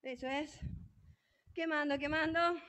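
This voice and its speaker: A woman's voice: sits high, measured pace, very noisy. A woman coaching a live online fitboxing class, calling out counts and cheering the students on. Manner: energetic, encouraging, calling out counts and cues. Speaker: fitboxing instructor.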